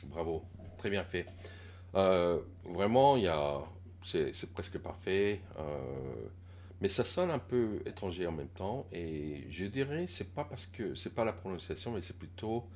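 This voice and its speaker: Slow, deep-voiced man coaching pronunciation. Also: sing-song. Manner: hesitant, many filler pauses, gentle critique. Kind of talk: casual pronunciation lesson.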